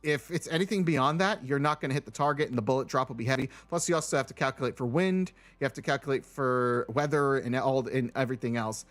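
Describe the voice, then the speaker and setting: A man's voice: mid-range voice, fast, hardly any pauses, fairly bright tone, soft background music. Chatty man rambling on a live stream. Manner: rambling, restarts often, answers chat. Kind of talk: casual live-stream chat.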